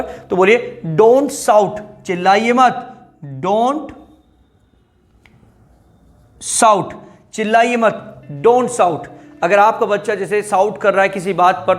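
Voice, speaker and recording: A young man teaching parents simple English phrases for their children, repeating each one and asking the listener to say it back. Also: high voice. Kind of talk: spoken lesson for parents.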